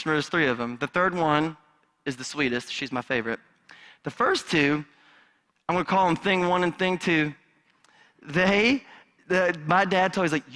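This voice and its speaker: A man preaching a sermon in a church, telling a funny childhood story and acting out the people in it. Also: on the high side. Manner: animated storyteller, acts out quotes. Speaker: pastor. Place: church sanctuary.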